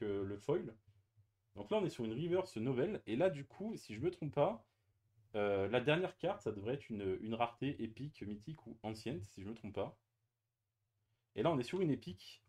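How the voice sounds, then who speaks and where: Mellow-voiced French-speaking man opening cards. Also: mid-range voice. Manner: chatty, hesitant, many fillers and restarts. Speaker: card-opening YouTuber. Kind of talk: casual unboxing commentary.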